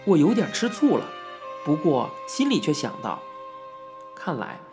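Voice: medium pitch, very animated, normal speed, over music. An audiobook narrator telling a first-person memoir in a reminiscing storytelling manner, with occasional asides to the listener.

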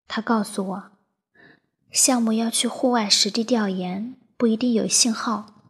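Woman narrator, emotional first-person story; husky, gravelly tone, unhurried reading over soft music. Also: medium pitch. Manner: soft, breathy, half-whispered delivery.

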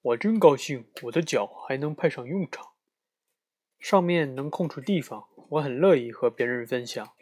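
A man's voice: medium pitch, expressive, moderate pace, close to an everyday voice. A man voicing a kind-hearted moose. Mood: cheerful welcoming. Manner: soft-hearted and polite, mutters when annoyed. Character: big gentle generous male moose.

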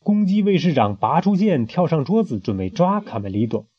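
A man's voice: mid-range voice, big pitch swings, brisk, slightly rough, no echo. A man reading a picture book aloud to a child, narrating dramatically and adding sound effects. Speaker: storyteller. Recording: muffled lo-fi home recording.

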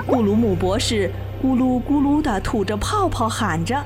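A woman narrating a children's storybook in an animated, expressive way. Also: a little high, normal speed. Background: children's music.

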